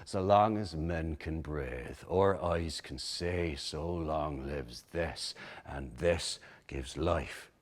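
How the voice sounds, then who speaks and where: Deep-voiced man reciting Shakespearean English in old pronunciation. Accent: reconstructed Shakespearean original pronunciation. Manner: measured, expressive declaiming.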